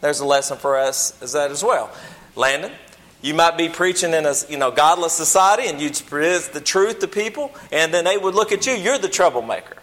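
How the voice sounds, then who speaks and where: A man's voice: fairly high pitch, a little fast, fairly bright tone. A man preaching a Bible lesson to a church group in a folksy, plain-spoken, humble way, often rephrasing as he goes. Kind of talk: sermon, teaching a church group.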